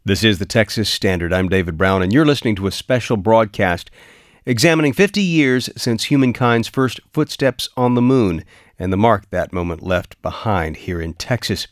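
A man presents as a radio news host with a scripted introduction. The voice is fairly low and recorded very dry. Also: moderate pace, no room sound.

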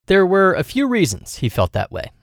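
A man's voice: high-pitched, huge pitch swings, moderate pace, gravelly, dry recording, clean studio sound. A man narrating a scripted radio news feature as a reporter.

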